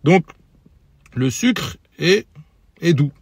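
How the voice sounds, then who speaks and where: Slow, high-voiced male teacher. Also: expressive, breathy edge, no room sound, studio quality. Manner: slow, careful, repeats each example word aloud. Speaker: Arabic teacher. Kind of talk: recorded lesson, patient explanation.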